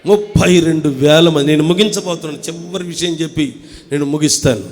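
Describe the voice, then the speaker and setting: A pastor from Andhra Pradesh, India, preaching a fervent sermon in church. He calls on the congregation to answer, swinging between loud proclaiming and hushed storytelling. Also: on the high side, fairly quick. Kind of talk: impassioned sermon.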